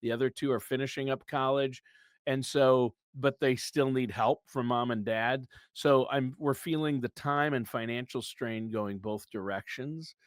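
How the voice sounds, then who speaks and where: A man's voice: medium pitch, steady tone, measured pace, dry recording, clean studio sound. A man in his fifties co-hosting a podcast in casual chat, chatty and joking, laughing often. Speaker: podcast co-host.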